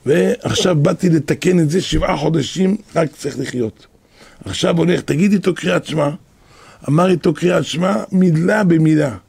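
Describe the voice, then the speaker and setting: A man's voice: a little high, vocal fry, darkish tone, husky, dry recording. A man, a rabbi, telling stories in a sermon, repeating phrases for emphasis and acting out what people said. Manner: repeats phrases for emphasis, acts out quoted speech. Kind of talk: storytelling sermon.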